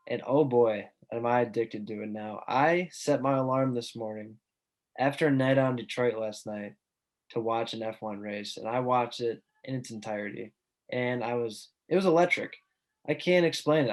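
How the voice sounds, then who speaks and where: A young man co-hosting a casual podcast. He sounds earnest and enthusiastic, with an ordinary middle-pitched voice and a relaxed, conversational flow. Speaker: podcast co-host.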